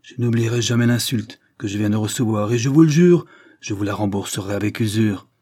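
A man's voice: medium pitch, lively intonation, normal speed, dark tone, breathy edge, dry recording, studio quality. A man reading an audiobook, voicing an angry, vengeful valet who was thrown out of his post, threatening and emphatic. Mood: menacing.

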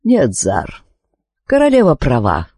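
A wise, calm male sorcerer from a storybook, played by a woman reader. He talks slowly with gentle irony, his pitch moving widely. The sound is dry and close. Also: slightly rough, no room sound, exaggerated voice. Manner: calm, unhurried, gently ironic.

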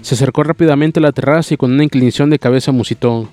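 A man's voice: mid-range voice, very fast, no room sound, soft background music. Man reading a novel aloud, dry sound. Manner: steady reading with small slips and restarts. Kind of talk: audiobook reading, plain voices for characters.

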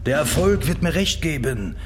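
A man playing swaggering Napoleon Bonaparte, wildly animated. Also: fairly high pitch, moderate pace, over music, lightly acted. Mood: grandiose. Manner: grandiose, imperious, mocking. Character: Napoleon Bonaparte, swaggering, megalomaniac French emperor. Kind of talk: radio drama acting.

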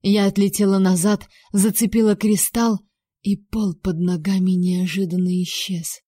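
A woman telling a story in first person as an audiobook narrator, steady and tense. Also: mid-range voice, measured pace, breathy edge, no room sound, clean studio sound.

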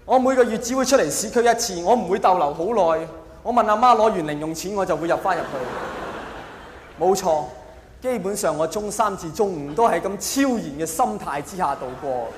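Performing stand-up in a big indoor hall, a man with a Hong Kong Cantonese accent speaks in a high, animated voice. His monologue to the live crowd is mock-earnest, full of dramatic pauses and emphasis, with laughter and crowd noise echoing around him.

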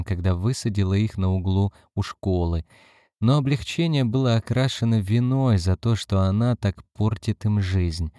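A man narrating an audiobook in a measured, calm reading. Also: fairly low pitch, no echo, studio quality.

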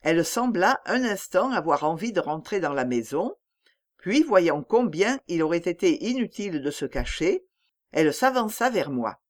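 A woman reading a literary audiobook aloud in a measured, expressive storytelling manner. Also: fairly low pitch. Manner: measured storytelling, lively intonation. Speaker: audiobook reader.

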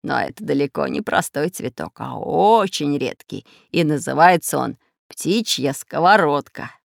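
Old storybook professor done by a narrator, slow, lecturing, gravelly. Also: medium pitch, lively intonation, no room sound, studio quality, voice pushed down. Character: learned older male geographer professor, patient.

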